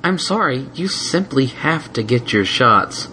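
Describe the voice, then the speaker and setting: For a fan fiction audiobook, a man with a mid-range voice pushes it up to play a prim female unicorn guardian who coaxes sweetly but insists firmly. His delivery is silken, lively in intonation, a little slow and sharp in tone. Some hiss or hum is audible.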